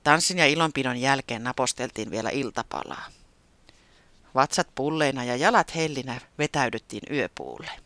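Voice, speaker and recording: A narrator reading a children's storybook aloud with an expressive delivery. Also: mid-range voice, no echo. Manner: lively, expressive read.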